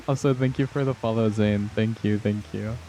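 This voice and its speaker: A man's voice: fairly low pitch, fairly even intonation, moderate pace, mellow, slight background noise, rough recording. A man chatting casually and playfully with viewers as he hosts a gaming livestream. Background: music.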